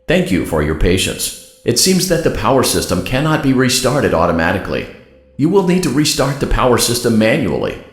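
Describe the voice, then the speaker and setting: An actor playing a polite artificial guide in a video game, giving formal scripted instructions. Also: male voice, medium pitch, huge pitch swings, brisk. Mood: polite, instructional. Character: cheery, artificial male robot guide assistant. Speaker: automated guide. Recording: roomy echo.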